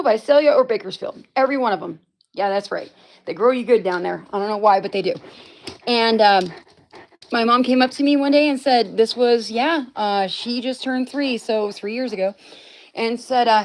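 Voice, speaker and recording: A woman hosting a casual livestream from home, rambling through a story and answering viewers' comments as they come in. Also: fairly high pitch. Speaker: livestream host.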